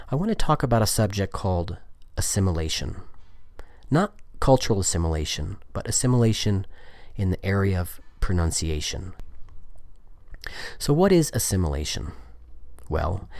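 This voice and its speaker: Low male podcast teacher, methodical explainer, dry booth sound. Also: darkish tone, no echo. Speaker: language teacher podcast host. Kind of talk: explanatory lesson monologue.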